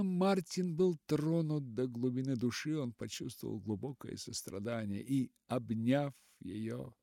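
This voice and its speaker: Guy reading a novel out loud, slow and gravelly, dark dry voice. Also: on the high side, dry recording. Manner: measured, dramatic reading with long pauses. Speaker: audiobook narrator. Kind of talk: literary audiobook reading.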